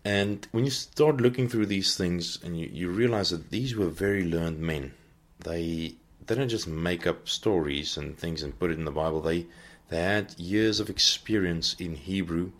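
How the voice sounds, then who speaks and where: A man with a very low voice hosts a Bible teaching podcast, giving unscripted teaching talk. He speaks earnestly and off the cuff, often pausing as he searches for the next word.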